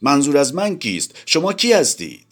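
A man's voice: fairly high pitch, wildly swooping pitch, pitched above the performer's own voice. A man voicing a wary young widow in a read-aloud story, asking short cautious questions. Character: wary young widow, guarded then softly inviting.

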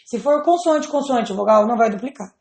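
A woman's voice: fairly high pitch, animated, gravelly, a little mellow. Woman teacher spelling out rules, roomy echo. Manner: patient, spells out letters slowly. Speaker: English teacher. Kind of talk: explaining grammar to students.

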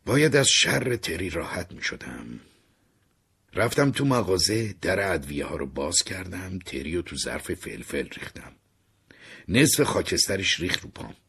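A man narrating a dark first-person story in a theatrical way, sinking to whispers and rising in sudden bursts. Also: sits low, sing-song. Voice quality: very husky.

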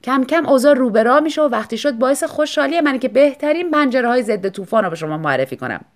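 A woman voicing a courteous man selling storm windows, in an even sales pitch. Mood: polite.

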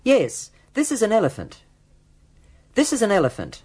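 Woman, careful slow phrases, very lively pitch, husky tone. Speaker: model speaker. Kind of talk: clear drill phrases.

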